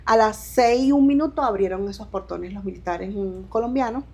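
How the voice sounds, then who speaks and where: A woman from Venezuela, in her thirties, telling her migration story as an interview guest in halting speech with restarts and quoted dialogue. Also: mid-range voice, darkish tone, slightly rough. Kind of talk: emotional personal testimony.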